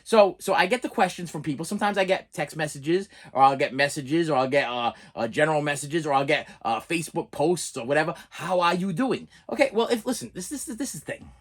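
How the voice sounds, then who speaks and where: A middle-aged man with a Boston accent and a slightly raised pitch rants casually. He talks in halting bursts, repeats words and phrases for emphasis, and keeps checking that he is being followed. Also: expressive. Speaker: vlogger. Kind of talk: casual spoken rant to camera.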